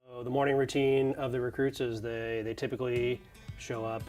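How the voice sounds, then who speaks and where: A man's voice: mid-range voice, normal speed. Man explaining fire academy training. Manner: steady and explanatory, with frequent "uh" fillers. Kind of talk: interview explanation. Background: background music.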